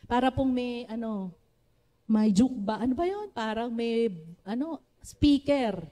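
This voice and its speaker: A woman with a Filipino accent preaching a sermon to a church congregation, with a naturally loud voice, often calling on the congregation to respond. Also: a little high, a little slow. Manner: switches between Tagalog and English, asks the congregation for responses.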